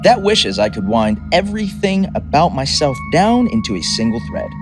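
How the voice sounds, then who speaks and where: A man's voice: on the high side, very animated, normal speed. A man voicing a grandiose, mercurial chaos god and toymaker, theatrical and boastful, turning chatty and wry. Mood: wry, confiding. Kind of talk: dramatic reading. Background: music.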